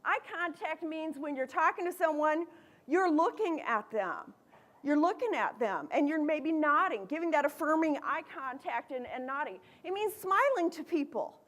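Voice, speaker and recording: A middle-aged American woman with a lively, playful manner, giving a motivational keynote talk to students. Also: sits high, normal speed. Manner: lively, playful, acts out quoted voices. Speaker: motivational speaker. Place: large events hall.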